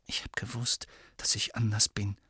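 A suspicious, defiant boy who snaps orders in quick, high bursts, as a male audiobook narrator puts him on. The voice sits well above the reader's own and sounds dry and close. At times it sinks to a feverish whisper. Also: no echo, natural voice. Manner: fast, sharp and demanding, dropping to feverish whispers. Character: defiant suspicious eleven-year-old boy, commanding.

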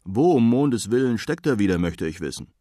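A man voicing a cheerful, eccentric old Man in the Moon who calls out loudly and excitedly. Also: lowish voice, normal speed, no room sound, studio quality. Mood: chatty.

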